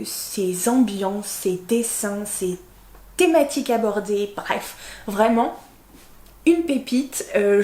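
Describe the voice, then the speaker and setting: A woman chatting casually about her reading list as a book vlogger, rambling with lots of fillers and quick self-corrections. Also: medium pitch, darkish tone, roomy sound.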